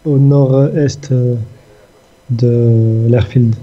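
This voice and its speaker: A man making excited callouts to his teammates in an online game, his voice coming through voice chat with a half-robotic, glitchy sound. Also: mid-range voice, extremely slow. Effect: slightly robotic, glitchy voice-chat sound. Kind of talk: casual gaming chat. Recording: muffled lo-fi voice chat.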